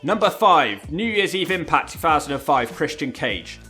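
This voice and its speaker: A man narrates a countdown video with a bright, fairly high voice and very lively intonation. He is wry and informal, with music playing underneath. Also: normal speed. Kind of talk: scripted video narration commentary. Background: background music.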